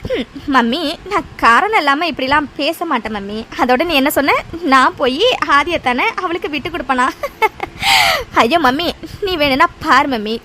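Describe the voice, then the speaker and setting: A woman's voice: high voice, lively intonation, normal speed, sharp tone, a little hiss or hum. A woman voicing a cool, scheming young woman in a cartoon, who talks in a breezy, dismissive way. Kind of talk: cartoon voice acting.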